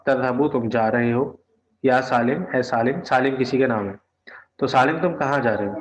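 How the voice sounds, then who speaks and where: A man teaching Arabic from a textbook, translating each phrase word by word and repeating it. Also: medium pitch. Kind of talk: textbook lesson. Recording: echoey, slightly dull recording.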